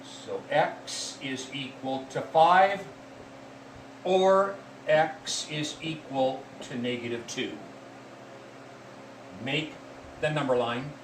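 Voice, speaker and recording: A man teaching a math lesson, explaining step by step in a deliberate way and repeating key points. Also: medium pitch. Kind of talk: classroom math lecture. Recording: echoey room from far off with faint noise.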